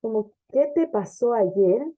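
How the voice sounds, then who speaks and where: A woman teacher explaining English grammar step by step, often checking understanding with a quick "ok?" or "¿sí?". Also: a little high, animated, dark tone. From Ecuador. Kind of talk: classroom grammar lesson. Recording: dull lo-fi lesson recording.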